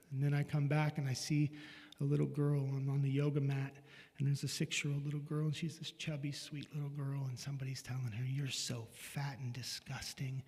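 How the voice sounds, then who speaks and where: Middle-aged man, light higher voice, telling a personal story frankly, with casual swearing; long hall reverb. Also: creaky, warm tone. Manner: candid and confessional, with casual swearing. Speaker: speaker sharing a personal story.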